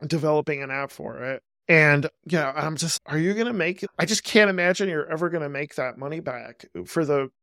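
A man hosting a podcast, chatting casually with quick asides and a dry, self-aware sarcastic streak. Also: a little high, fairly bright tone, no room sound. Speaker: podcast host.

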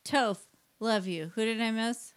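A woman's voice: fairly high pitch, unhurried, clean tone. A woman co-hosting a podcast in casual chat, bubbly and giggly, often talking over her co-host.

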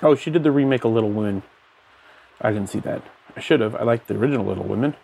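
A man's voice: lowish voice, fast talker, vocal fry, dark tone, slight background noise. A man hosting a casual lo-fi podcast, rambling loosely with many fillers as he talks from his bed at home. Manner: rambling, many fillers, looks things up mid-talk. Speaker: podcast host.

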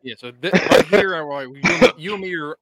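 A man's voice: fairly high pitch, normal speed, fairly bright tone, dry recording. Laughing man on a podcast. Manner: laughing, talkative, swears freely. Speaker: podcast co-host. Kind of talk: casual chat recapping a show.

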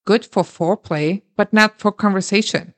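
A chatty woman from Germany co-hosts a relaxed podcast, laughing easily as she reads out comments. Her voice sits at an ordinary pitch for a woman. The sound is dry and close, with no room echo. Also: moderate pace. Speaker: podcast co-host. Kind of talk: casual chat.

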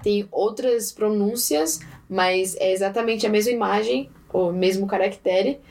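A young woman from Brazil, a guest in a casual interview who talks in a chatty, playful way with quick asides. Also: medium pitch, gravelly, a little mellow, a little hiss or hum.

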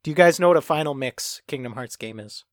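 A man's voice: a little high, fast, dry recording, clean studio sound. A man on a podcast eagerly reacting to gaming news and explaining game history to his co-hosts. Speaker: podcast co-host. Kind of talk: casual chat.

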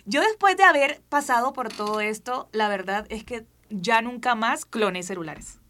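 A woman's voice: fairly high pitch, expressive, moderate pace, heavy background noise. A woman from Colombia with a Caribbean coast accent, co-hosting a casual podcast chat in a playful, chatty way. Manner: playful, chatty, acts out quoted voices. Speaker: podcast co-host.

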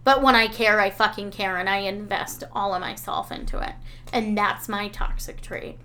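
A woman's voice: medium pitch, fairly even intonation, moderate pace, pushed and bright. A woman in her thirties co-hosting a casual podcast chat, candid and self-mocking, swearing freely. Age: 30s. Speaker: podcast co-host.

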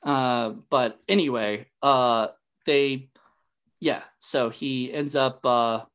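A man's voice: medium pitch, steady tone, slow, fairly bright tone, smooth. Guy rambling about a movie with a buddy, tons of "you know"s, laughs at his own retellings. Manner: rambling, many fillers, laughs at the jokes he retells. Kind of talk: casual chat recapping a movie.

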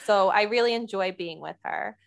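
A woman's voice: medium pitch, moderate pace, gravelly. Friendly woman podcast interviewer. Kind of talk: casual interview chat.

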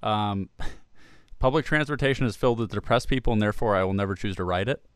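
A man's voice: fairly low pitch, fast, clean tone, dry recording. A man hosting a casual, joking podcast, rambling and hesitant as he goes. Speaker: podcast host.

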